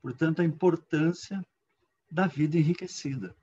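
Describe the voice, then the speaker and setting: A man's voice: on the high side, moderate pace, dark tone, breathy edge. A man with a Brazilian Portuguese accent giving a spiritist talk on family education, speaking conversationally and often tagging his points with questions to the listener. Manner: conversational, frequent tag questions. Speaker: lecturer. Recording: dull lo-fi with faint background noise.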